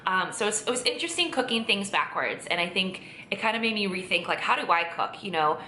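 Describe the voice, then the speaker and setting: A woman's voice: medium pitch, expressive, brisk, bright, forceful tone, reverberant, a little hiss or hum. A woman vlogging in casual chat, gushing and chatty with lots of fillers and restarts.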